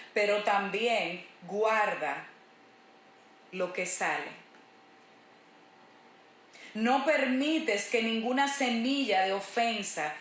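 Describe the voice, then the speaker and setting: A woman's voice: medium pitch, a bit bright. A woman pastor preaching a sermon in an emphatic way, repeating her key phrases. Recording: roomy echo.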